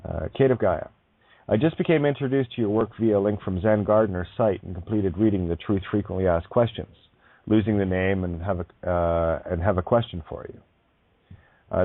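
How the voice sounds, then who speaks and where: A male show host reading listener emails aloud in a casual, halting way, full of fillers and frequent chuckles. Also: sits low, no room sound. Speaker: online radio show host. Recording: tinny phone-like line, dry.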